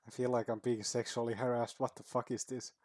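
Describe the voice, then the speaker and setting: A man's voice: medium pitch, flat delivery, brisk, a little mellow. A man hosting a reaction video, speaking casually, swearing often and chuckling at his own remarks.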